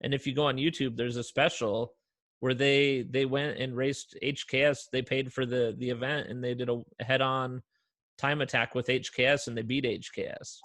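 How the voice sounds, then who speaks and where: Host: man from Portland, mid-pitched, chatty and loose, dry close mic. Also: little pitch movement, moderate pace, a bit bright, dry recording. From Portland, Oregon. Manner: chatty, loose, many fillers and restarts. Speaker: podcast host. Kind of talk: casual interview conversation.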